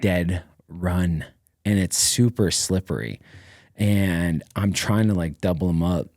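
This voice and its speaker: A middle-aged man, a former Navy SEAL, telling stories as a guest in a casual podcast interview, with lots of fillers and an energetic, rambling style. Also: low voice, takes it slowly, dry recording, studio quality.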